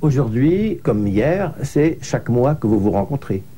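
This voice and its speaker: A man conducting an interview, asking measured, leading questions. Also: medium pitch, sing-song, mellow, a little hiss or hum.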